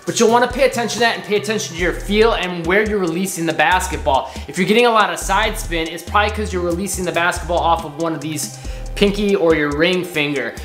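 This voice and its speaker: A man in his thirties sits on a living room couch, upbeat as he coaches basketball drills and demonstrates them while talking. His voice is high, slightly bright, and quick. It's an instructional drill demo, recorded in an echoey room with faint music.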